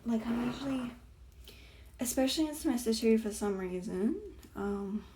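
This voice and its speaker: A woman's voice: a little high, lively intonation, moderate pace, noisy background. A young woman chatting casually while planning, rambling with many fillers and sometimes dropping to a whisper. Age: young adult. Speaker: planner vlogger. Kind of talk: casual plan-with-me chat.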